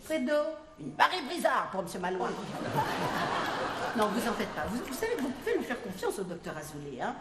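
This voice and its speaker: On a theatre stage before an audience, a French comedian performs a one-woman show as a gossipy, bossy café owner who talks to unseen customers in turn. Her medium-pitched voice swings widely in pitch as she speaks fast with few pauses. The live recording is echoey, with heavy background noise.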